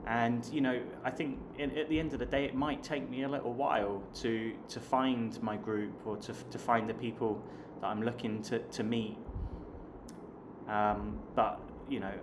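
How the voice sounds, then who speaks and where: A medium-pitched, steady male voice at a moderate pace comes from a Hampshire man in his late thirties with a southern English accent. He's a chatty online English teacher and vlogger talking casually to camera and addressing viewers as "guys." The recording has clear background noise.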